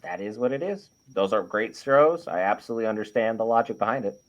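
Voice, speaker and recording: On a panel debating animated series, a co-host with a fairly low voice talks quickly. He's emphatic and opinionated in a casual way, organizing his arguments as lists.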